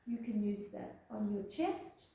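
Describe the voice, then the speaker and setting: A woman's voice: mid-range voice, lively intonation, measured pace, vocal fry, dark tone. A woman from Australia giving a hands-on health demonstration, chatty, often checking in with "okay?" and "eh?". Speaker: health presenter. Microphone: far room microphone. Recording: echoey room from a distance.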